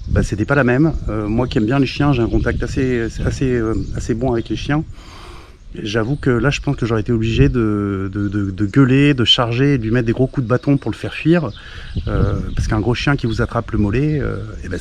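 A young man chats to his camera outdoors on a walking trip, in a mid-pitched voice. He rambles, restarts and swears casually. Faint outdoor ambience sits behind him. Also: fairly quick, background noise. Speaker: pilgrim vlogger. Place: outdoors on country roads and village streets.

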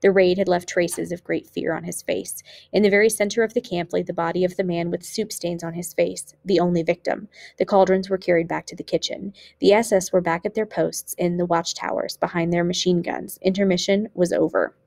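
A woman teacher narrating an audiobook in a steady, measured reading voice. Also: fairly low pitch, creaky. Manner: steady, measured reading with occasional small slips.

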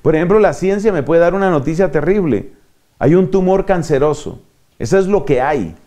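A man's voice: on the high side, lively intonation, normal speed, warm tone. A man preaching a teaching sermon, explaining step by step with rhetorical questions and small acted-out dialogues. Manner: didactic, acts out little dialogues and asks rhetorical questions.

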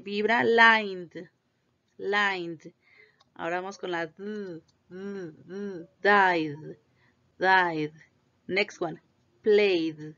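A woman teaching an English grammar lesson, patiently repeating each word slowly for pronunciation. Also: mid-range voice. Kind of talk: slow classroom lesson explaining grammar. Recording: dull lo-fi recording.

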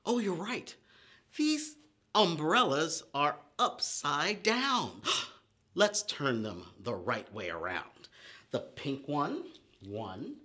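His voice is a little high, sing-song, slow, and sharp in tone. The middle-aged man runs a preschool storytime indoors before a painted paper backdrop, using chants, counting rhymes, and exaggerated, simple, repeated phrases for little kids.

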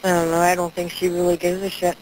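A woman speaks bluntly over the phone, swearing as she talks. Her voice sits low and stays flat and even. The call recording is noisy. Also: quick pace. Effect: heard over the phone.

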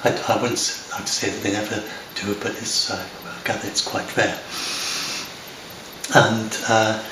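An older Englishman living in Scotland, a software developer, talks unscripted to a far-off camera in a home room by large windows. His low-ish voice holds a steady tone, but his chat is halting and rambling, full of fillers and restarts. The recording is distant, reverberant and noisy.

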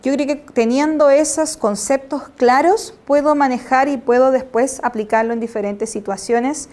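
A woman's voice: high-pitched, fairly even intonation, moderate pace, darkish tone. A woman teaching an English lesson, patiently checking understanding and spelling out examples before translating them. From Chile. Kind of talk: slide-based classroom lesson.

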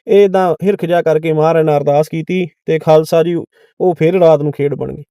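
A man tells a devotional story at a rapid clip, his voice raised a little and smooth. He keeps turning to his listeners and repeats phrases for emphasis. The sound is close and dry. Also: fairly high pitch, fairly even intonation, dark tone, dry recording. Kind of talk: devotional retelling of a testimony.

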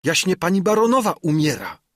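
An anxious male servant , as a man reading a storybook puts him on, calls out urgently and pleadingly, pitched well above the reader's own voice, still a little husky, in a dry close recording. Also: very animated, a little fast, no echo.

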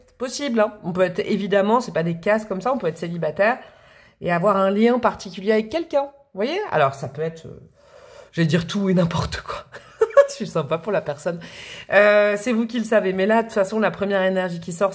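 A woman doing a chatty, rambling tarot reading for her viewers, full of fillers and asides. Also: mid-range voice. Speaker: tarot reader.

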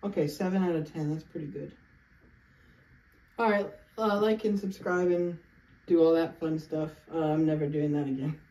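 A man's voice: on the high side, steady tone, moderate pace, mellow. A young man talks in a casual vlogging style. His voice is picked up by a slightly distant microphone in an echoey bedroom. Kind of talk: casual chat to camera and companion. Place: indoors, bedroom. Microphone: camera a short distance away. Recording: roomy sound, distant microphone.

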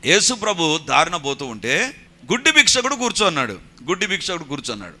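A male pastor preaching a sermon, moving between quiet storytelling and loud exhortation, with English phrases dropped into his talk. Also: a little high, big pitch swings, quick pace.

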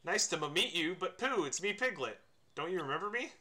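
A man voicing a tiny, timid male cartoon piglet in a squeaky, high voice. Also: expressive, fairly quick, bright, forceful tone, exaggerated voice. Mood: scared.

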